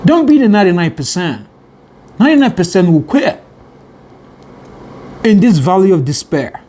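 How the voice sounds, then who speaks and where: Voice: medium pitch, sing-song, moderate pace, dark tone, a little hiss or hum. An earnest motivational vlogger speaking straight to viewers in a mid-range voice. They stumble into repeated words and restart phrases while pressing their point about perseverance.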